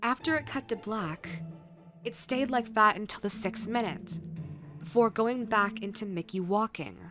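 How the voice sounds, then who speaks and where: A woman reading a scripted creepypasta horror narration in a measured way, with dramatic pauses. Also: fairly high pitch. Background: background music.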